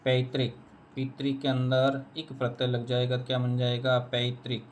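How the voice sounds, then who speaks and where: A man's voice: medium pitch, completely flat delivery, measured pace, a little hiss or hum. A man teaching a spelling lesson, repeating each word and answering his own questions. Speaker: Hindi teacher.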